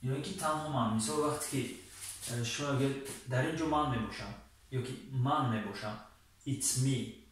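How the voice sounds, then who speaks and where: A man's voice: mid-range voice, slight background noise. Tajik-accented male teacher in echoey room. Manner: reads English examples slowly, then translates briskly. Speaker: English teacher. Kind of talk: language lesson. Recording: very echoey room, voice far from mic.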